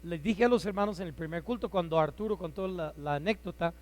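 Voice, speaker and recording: A man in his fifties, a guest preacher delivering a sermon loudly, with frequent filler words and light humor. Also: high-pitched, quick pace, in a large hall. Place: church sanctuary.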